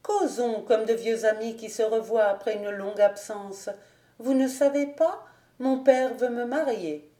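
A woman reading a novel aloud, voicing a proud young noblewoman in a slightly higher voice, haughty and controlled. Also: animated, unhurried, warm tone, far from the mic. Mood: light. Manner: controlled, haughty, restraining tears. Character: proud young noblewoman hiding her heartbreak. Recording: roomy home recording.

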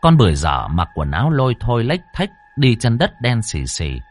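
A man narrating a ghost story audiobook in an expressive storytelling manner. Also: mid-range voice, moderate pace, soft background music. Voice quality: expressive, lively.

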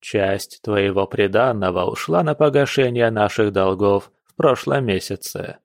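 A man's voice: fairly low pitch, measured pace, vocal fry, no echo, studio quality. A man voicing a stern, commanding aristocratic father at the head of his family.

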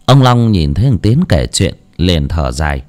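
A man narrating a story in an expressive, lively way. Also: deep voice, normal speed. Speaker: audiobook narrator.

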